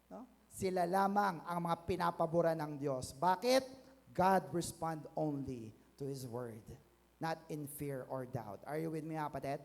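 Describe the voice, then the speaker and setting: A Filipino man preaching a sermon as pastor, mixing English phrases in and calling out for amens, rising to loud declarations. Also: a little high, a little slow, creaky, big-room sound.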